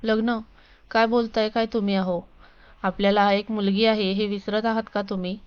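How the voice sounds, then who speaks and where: A woman's voice: mid-range voice, level tone, normal speed, smooth, highs cut off, close to an everyday voice. A woman voicing a hurt wife and mother who confronts and pleads with her husband. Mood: upset. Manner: accusing, pleading.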